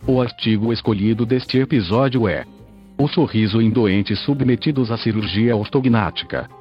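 A synthesized male voice serving as podcast host, reading a scientific article aloud in a measured, even delivery. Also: on the low side, muffled recording, soft background music.

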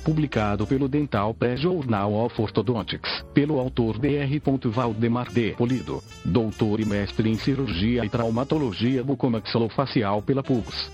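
A synthesized male voice with a Brazilian accent, like an old speech synthesizer, reading a scripted article as a podcast narrator in a mechanical, even delivery. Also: mid-range voice, moderate pace. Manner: mechanical, evenly read delivery. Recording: dull lo-fi audio, music behind.

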